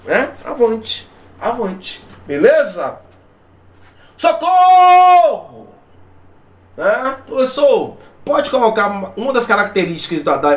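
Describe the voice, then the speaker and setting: A man with a Brazilian Portuguese accent teaching an exam-prep grammar lesson, theatrical and chatty, shouting out example exclamations. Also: high voice, reverberant.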